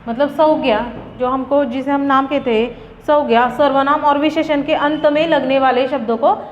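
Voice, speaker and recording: A woman teaching a grammar lesson to a class, explaining slowly and repeating each example word. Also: high voice, steady tone, slight background noise. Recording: dull lo-fi sound with long reverb.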